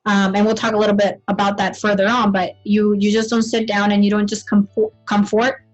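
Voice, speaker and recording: A woman's voice: mid-range voice, completely flat delivery, fairly quick, faint music behind. Spanish-accented woman host, dull sound. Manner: encouraging, keeps tagging "right?". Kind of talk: casual interview chat.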